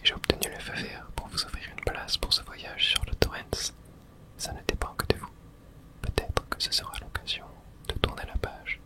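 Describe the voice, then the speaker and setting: Speaking only in a soft, breathy, unvoiced whisper, this streamer and host narrates an ASMR game playthrough. The phrases are short, gentle and unhurried, delivered close to the microphone.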